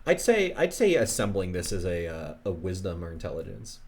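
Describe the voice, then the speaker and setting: A man narrating as game master of a tabletop game, descriptive and quick to laugh, with many fillers. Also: low-pitched, very animated.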